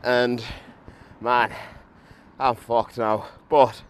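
Speaking extremely slowly in a clear, resonant, medium-pitched voice with little pitch movement, a young podcaster walks down a street addressing a handheld camera. Hungover and still tipsy from a run, he's blunt, sweary and self-mocking. The recording is noisy with traffic.

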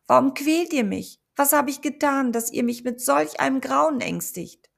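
A terrified young woman cries out into the dark in a high, trembling voice, as a woman reader acts her out. The voice carries a husky, gravelly grain. She sounds shaken by what has happened. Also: lively intonation, normal speed, full character voice. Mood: frightened. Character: frightened young woman after a failed ritual.

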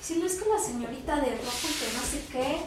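High-voiced Mexican woman telling stories. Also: brisk. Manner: animated, acts out quoted voices. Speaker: podcast co-host. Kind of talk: casual storytelling chat. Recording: roomy, distant mic, noisy background.

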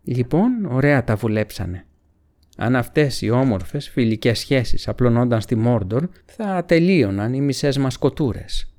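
A man's voice: mid-range voice, animated, a little mellow, lightly acted. Sam, a man doing a plucky, earthy hobbit. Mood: wry. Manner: earthy, indignant. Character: plucky male hobbit, hot-tempered and loyal.

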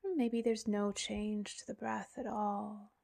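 Slow, hushed woman guiding sleepy relaxation. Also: mid-range voice, level tone. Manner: soft, breathy, half-whispered delivery with long pauses. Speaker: guided meditation narrator. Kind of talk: soothing guided relaxation narration, like a sleep story.

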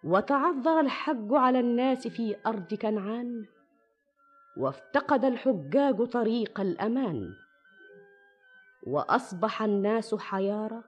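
A poised young storyteller queen speaks in a slightly high voice and recites her tale in measured, rhymed classical lines. She stays modest before the king. The sound is a slightly dull old radio recording with faint music beneath. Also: lively intonation, slightly rough. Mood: storytelling.

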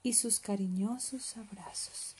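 A woman reading a children's story aloud in soft, often whispered narration. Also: medium pitch, a little slow, a little hiss or hum.

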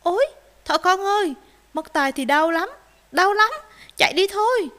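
Woman reader as yappy storybook puppies, high and bright, eager. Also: measured pace, in a large hall, exaggerated voice. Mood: yapping. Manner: yapping, excitable. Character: pack of small noisy dogs, eager and timid.

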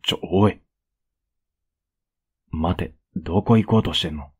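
A young man with a Kansai accent in a whispered role-play as a blunt, rough-spoken boyfriend who is caring underneath, recorded close up at home. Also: deep voice, measured pace, darkish tone. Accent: Kansai Japanese. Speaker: voice actor playing a boyfriend.

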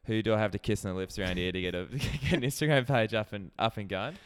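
A man's voice: lowish voice, quick pace, clear, resonant tone. A man with an Australian accent co-hosting a casual podcast chat, blokey, slangy and jokey, with some swearing. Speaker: podcast co-host.

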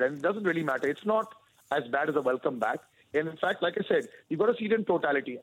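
A man's voice: a little high, husky, dry recording, dull audio. A man giving chatty, opinionated film gossip as a radio show correspondent, speaking with enthusiasm. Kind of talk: casual chat over radio.

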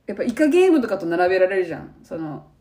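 Young woman, Kansai accent, animated chatty storyteller, very lively pitch. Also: rapid-fire. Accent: Kansai Japanese. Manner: animated storytelling, acting out quoted lines. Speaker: podcast co-host. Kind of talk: casual chat.

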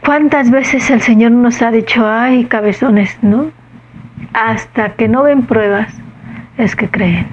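Woman preaching on a gospel passage, chatty, asks the listeners questions, a bit high voice, dull audio. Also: slow pace, a little hiss or hum. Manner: warm, conversational, with frequent questions to listeners. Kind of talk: Gospel reflection.

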